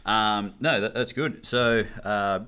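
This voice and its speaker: Very deep-voiced Australian man, bright tone. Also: takes it slowly, clear, resonant tone. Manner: chatty storyteller, asks interview questions. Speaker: podcast host. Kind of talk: casual chat.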